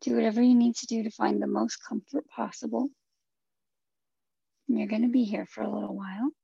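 A woman guides a relaxation meditation in a soft, breathy voice with heavy vocal fry, sometimes close to a whisper. Her tone is dark and mellow, and she gives instructions gently and soothingly. The recording is close and dry, slightly muffled. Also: on the high side, steady tone, a little fast, no room sound. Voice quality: soft, breathy, husky, at times near a whisper.

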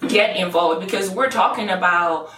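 Woman, lowish voice, brisk explainer, echoey room, distant mic. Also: pushed and bright. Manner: explaining, brisk, often says "right?". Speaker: guest. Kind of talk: casual explanatory chat.

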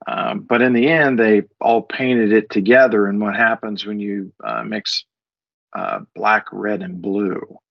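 Middle-aged male co-host, rambling casual storyteller, lower voice, lo-fi recording. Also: steady tone, unhurried, gravelly, dry recording. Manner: rambling with many fillers and restarts. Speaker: podcast co-host. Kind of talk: casual morning show chat. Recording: dull lo-fi sound.

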